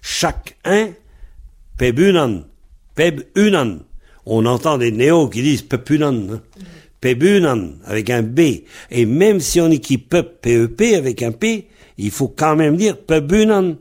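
A man leads a language lesson at a slow, unhurried pace. He explains patiently, step by step, and stops to spell out letters. His pitch sits in an ordinary middle range. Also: animated, darkish tone. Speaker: language teacher.

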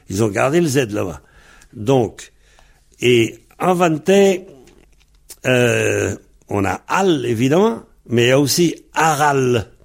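A man's voice: medium pitch, gravelly, slightly rough. A man giving a patient lesson on Breton pronunciation, spelling out words letter by letter and comparing dialect variants. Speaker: Breton language teacher.

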